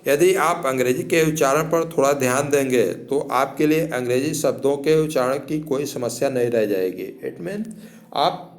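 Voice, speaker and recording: A man's voice: medium pitch, normal speed. A man teaching English in a lesson, patiently spelling words out letter by letter and repeating each rule.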